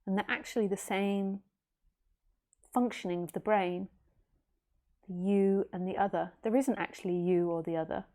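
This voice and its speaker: A woman's voice: medium pitch, fairly even intonation, moderate pace, pauses often, warm tone. A woman in her late thirties, a spiritual teacher giving a casual philosophical talk in a rambling, easygoing way with jokey asides. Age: late 30s.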